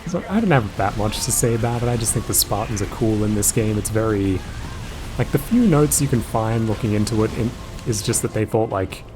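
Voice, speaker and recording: Low-voiced man chatting over game music. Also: fairly quick. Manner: rambling, relaxed, many fillers. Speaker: let's play host. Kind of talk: casual gameplay commentary.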